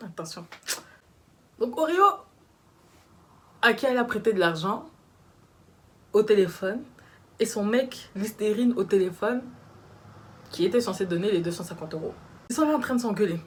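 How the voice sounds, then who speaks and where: A woman's voice: mid-range voice, normal speed, pauses often, a little hiss or hum. Slangy young woman telling a storytime. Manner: slangy, animated, acts out the people she quotes. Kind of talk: casual storytime.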